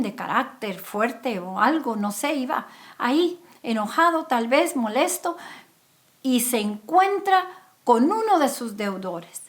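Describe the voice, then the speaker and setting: A woman delivers a sermon in a church service. Her voice sits a little high, and she tells the parable with feeling, acting out the pleading and the anger of its characters. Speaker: preacher.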